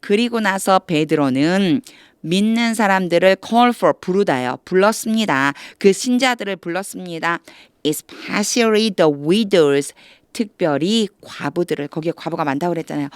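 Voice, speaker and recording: A woman teaching English through Bible reading, who explains step by step, asks the viewer questions and reads English phrases slowly before explaining them. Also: on the low side, no room sound, studio quality. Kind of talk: explanatory lesson.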